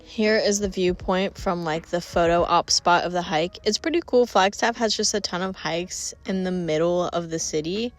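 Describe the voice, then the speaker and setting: A woman's voice: on the low side, normal speed, few pauses, soft background music. A woman narrating her travel vlog in a chatty, upbeat voice-over. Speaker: travel vlogger.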